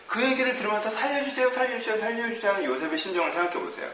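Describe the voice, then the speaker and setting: A man's voice: fairly high pitch, fairly bright tone, a little hiss or hum. A man preaching a sermon as a pastor, who keeps asking the congregation questions. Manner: asks the audience rhetorical questions. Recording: echoey hall from far off.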